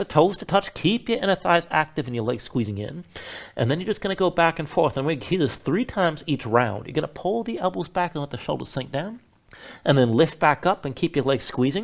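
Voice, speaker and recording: A man's voice: fairly high pitch, creaky. A man instructing a yoga class, giving step-by-step cues in a casual, informal way.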